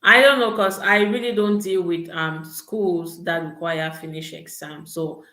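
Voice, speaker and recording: A woman's voice: on the low side, steady tone, unhurried, bright, forceful tone. A young woman from Cameroon, hosting a live Q&A and giving advice with frequent "okay" and "all right" checks. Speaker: host answering study-abroad questions. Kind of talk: live Q&A chat. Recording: roomy echo.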